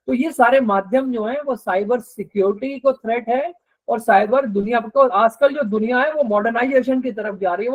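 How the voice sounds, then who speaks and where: A man with a fairly high voice moderates an online webinar. He speaks hesitantly and fills his pauses. He talks into a video call microphone. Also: low-quality recording. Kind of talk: webinar talk.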